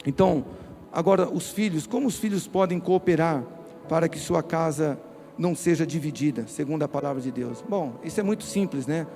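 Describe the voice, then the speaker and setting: Brazilian male pastor, mellow tone, forceful direct preaching to the congregation. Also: fairly high pitch, fairly quick, faint music behind. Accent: Brazilian Portuguese. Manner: emphatic, direct, addresses listeners. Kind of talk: sermon. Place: church.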